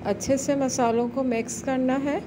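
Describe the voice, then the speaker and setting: A cooking channel host, a woman with a somewhat high voice, calmly narrates a home recipe step by step at a normal speed. Her voice-over is recorded close to the mic, while a steady noise and rumbling vehicles remain clearly audible underneath.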